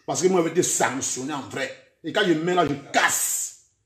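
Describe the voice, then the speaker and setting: Cameroonian man, Camfranglais-laced French, high voice, menacing social-media rant in a roomy echo. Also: moderate pace, fairly bright tone. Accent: Cameroonian French, mixing in Camfranglais. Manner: threatening, heated, keeps repeating "man" and "vrai".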